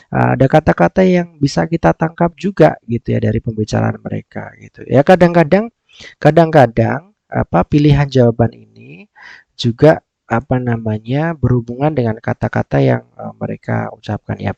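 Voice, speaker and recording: A man's voice: medium pitch, vocal fry, a little mellow, no echo, muffled recording. A man, an English lecturer, explaining a listening test in a casual recorded lecture, with many fillers and restarts.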